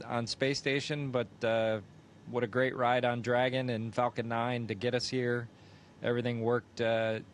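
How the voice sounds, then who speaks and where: A man speaking as an astronaut, recounting things matter-of-factly and haltingly in an unscripted way. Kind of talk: unscripted recounting in a live downlink event. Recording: space downlink with faint rumbling noise.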